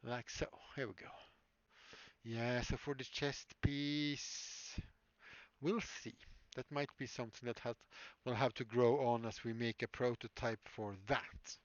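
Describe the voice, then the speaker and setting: Speaking at a mid-range pitch with a level tone and measured pace, this prop maker rambles and muses through lots of fillers while building props on a workshop livestream. There's no room sound, and the stream audio comes across dry, dull and lo-fi.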